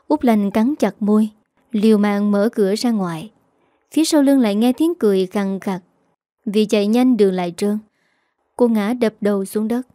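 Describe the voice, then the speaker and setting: A woman narrating a romance story in a calm, steady reading voice. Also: mid-range voice, no room sound, clean studio sound. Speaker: story reader.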